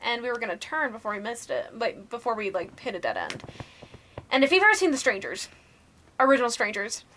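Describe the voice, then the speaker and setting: A young woman co-hosting a podcast, telling her ghost stories casually, laughing, swearing and going hushed at the spooky parts. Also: a little high, big pitch swings, a little fast, slight background noise. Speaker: podcast co-host. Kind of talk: casual storytelling chat.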